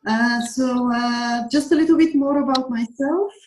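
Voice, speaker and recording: A woman's voice: high voice, measured pace, echoey room, soft background music, low-quality recording. A woman from Bulgaria, a researcher talking as a guest on a video call and explaining things step by step with many fillers. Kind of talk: explanatory interview talk.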